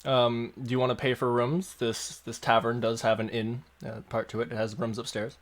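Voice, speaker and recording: A man running a tabletop game on a stream, explaining rules in a relaxed, joking way with fillers. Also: mid-range voice, normal speed. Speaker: game master.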